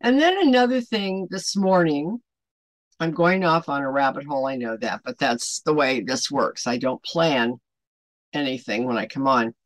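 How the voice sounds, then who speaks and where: With a rumbling low voice at a moderate pace, an older woman of about seventy addresses the camera from a small furnished room in her home. As an online ministry host, she gives an impromptu, meandering devotional talk, emphatic and peppered with rhetorical questions. No room sound can be heard.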